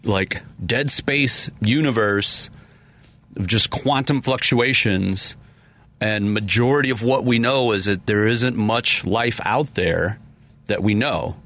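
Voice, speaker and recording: A man's voice: lowish voice, takes it slowly, fairly bright tone. A man hosting a talk radio show, talking casually in an easygoing way.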